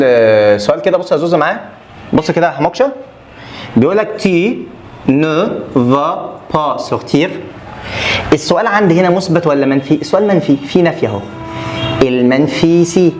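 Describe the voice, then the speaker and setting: An animated Egyptian male French teacher with a high voice and a fast delivery. He drills rules over and over and jokes with his students between points. A faint hiss sits under his voice. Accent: Egyptian Arabic. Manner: animated, repetitive drilling with playful asides to students. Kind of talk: exam review lesson.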